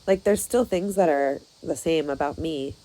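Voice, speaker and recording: A woman in her thirties, losing her voice, talking haltingly with many fillers in a personal vlog. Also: low-pitched, dark tone, poor audio. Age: 30s. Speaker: vlogger.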